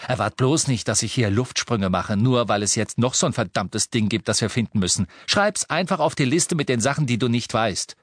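A man reading the part of a young man who is sulky and bitter, rising to shouts. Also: mid-range voice, animated, normal speed, few pauses, dry recording, studio quality, natural voice.

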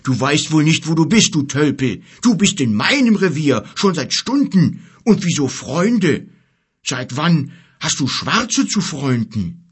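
A rude, grumbling bear with a husky voice, played by a male reader. It sounds raised and loud, with lively swings in pitch. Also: a little slow.

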